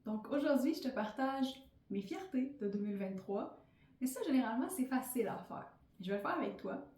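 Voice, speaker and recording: A woman in her thirties with a Québécois French accent hosts a podcast, delivering a casual, candid personal monologue packed with fillers. Her voice is fairly high, brisk and darkish in tone, with lively intonation, picked up by a slightly distant mic in a roomy space.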